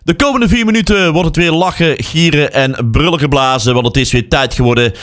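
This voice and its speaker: A man's voice: a little high, brisk, a bit bright. A man presenting a radio show, introducing a comedy segment in a chatty, upbeat way. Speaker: radio host.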